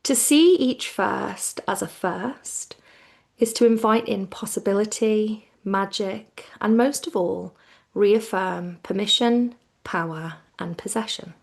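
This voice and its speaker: A creaky, medium-pitched voice leads a slow, gentle yoga nidra relaxation. The woman speaks soothingly and quietly, letting her phrases drift down to a whisper.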